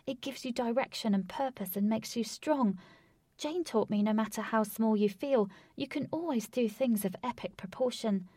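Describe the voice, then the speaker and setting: A woman's voice: fairly high pitch, normal speed, dark tone, no echo, studio quality, lightly acted. A woman voicing a defiant, brave young girl heroine in a storybook reading. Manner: defiant, spirited, raised voice.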